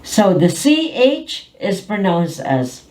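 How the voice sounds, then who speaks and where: Very slow, careful woman teacher. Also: medium pitch, very animated, darkish tone. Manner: careful, over-articulated word drills. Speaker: pronunciation teacher.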